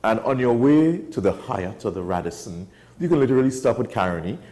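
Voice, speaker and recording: Animated and talking a little fast, this enthusiastic wildlife guest from Trinidad and Tobago spins stories during a relaxed studio conversation. His voice is medium in pitch with a slightly mellow quality.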